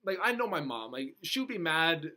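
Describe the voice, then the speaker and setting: A man's voice: a little high, very animated, moderate pace, pushed and bright. A young man co-hosting a casual podcast, rambling with lots of "like" and self-corrections. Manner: rambling, full of "like" and restarts. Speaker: podcast co-host. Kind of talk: casual chat.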